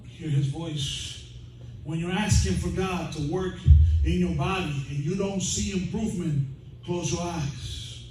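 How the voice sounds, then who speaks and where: A man preaching in a lively, joking way, breaking into shouts and laughter, heard from a distance in a church. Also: fairly high pitch, slow, slight background noise. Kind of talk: bilingual sermon. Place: church sanctuary. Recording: very echoey hall from a distance.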